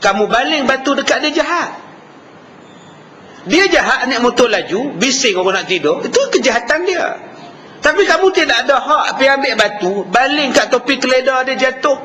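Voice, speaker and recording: A man with a Malaysian Malay accent giving a lively religious lecture, acting out quarrels between husbands and wives. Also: very high-pitched, a little fast, a little hiss or hum. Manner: animated, acts out quarrels between spouses. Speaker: preacher. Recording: hall reverb with faint ambience.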